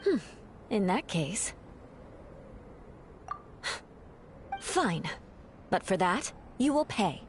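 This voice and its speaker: A woman playing a proud young noblewoman knight in an anime-style video game, speaking with formal, measured poise. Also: medium pitch, very animated, slight background noise. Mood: coolly businesslike.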